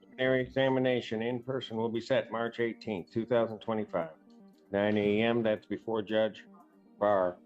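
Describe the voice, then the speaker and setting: A lower-pitched man serves as judge, moving briskly through cases and rulings. His voice comes from a courtroom recording, dull and muffled, with faint music laid underneath. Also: level tone, a little mellow. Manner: brisk, procedural. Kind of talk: formal court proceedings.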